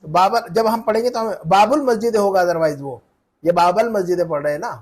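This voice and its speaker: A man teaching Arabic grammar in a one-on-one lesson, explaining slowly and repeatedly asking his student questions. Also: sits high. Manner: patient, repeats and quizzes the student.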